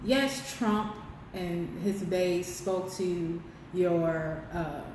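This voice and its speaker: A woman co-hosts a heated political discussion, speaking with emphasis and throwing rhetorical questions at her listeners. Her voice is fairly low and a little mellow, with drawn-out words. She sits far from the mic in a very echoey room, off-mic, with faint noise.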